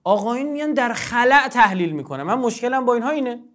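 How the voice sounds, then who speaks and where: A man's voice: extremely high pitch, animated, a bit bright. A man as guest scholar in a discussion of religion, lecturing in a formal, emphatic way and often repeating himself.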